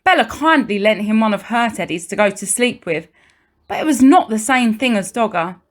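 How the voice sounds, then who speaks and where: Like a primary teacher at story time, a woman with an expressive voice on the high side reads a children's book aloud. Deliberate pauses and emphasis help keep young listeners engaged.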